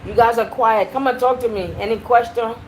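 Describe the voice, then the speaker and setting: A woman hosting a casual livestream, chatty and animated as she talks straight to her viewers. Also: on the high side, fairly quick, slight background noise, poor audio. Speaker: livestream host. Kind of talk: casual live-stream chat.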